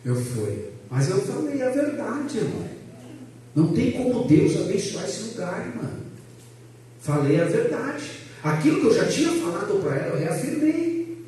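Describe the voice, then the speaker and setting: A high-voiced pastor from São teaches a church class, his pitch swinging widely as he jokes and puts questions to the room. He talks loudly and with a lot of energy. The recording is echoey and picked up from some distance. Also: normal speed, slight background noise. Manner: loud, animated, jokes with the class and asks them questions. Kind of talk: lively church class lecture.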